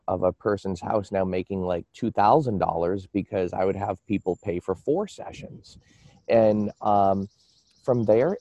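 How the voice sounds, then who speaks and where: An American man telling personal stories casually as an interview guest, in a halting, rambling way that often repeats words. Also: deep voice, mellow, no room sound. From United States.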